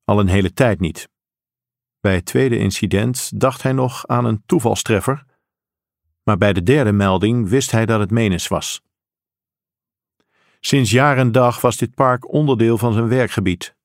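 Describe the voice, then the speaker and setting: A man reading a crime story aloud in steady, measured scripted narration. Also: on the low side, no room sound, clean studio sound. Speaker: audiobook narrator.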